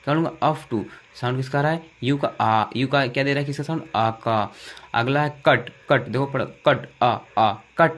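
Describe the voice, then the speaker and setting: A young man with a Hindi accent teaches English vowel sounds in a drilling, repetitive way. He asks a question and answers it himself in the same breath. His voice sits at an ordinary middle pitch for a man. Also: normal speed, a bit bright.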